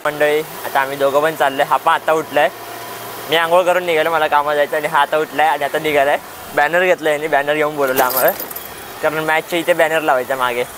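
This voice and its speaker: Young Marathi-accented male vlogger, chatty and laughing, phone video with steady outdoor noise. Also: on the high side, fast talker. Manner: chatty, laughs often, gets louder and excited when riding with his friend. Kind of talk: casual vlog chat. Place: outdoors, streets and cricket ground. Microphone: mounted camera while riding, handheld.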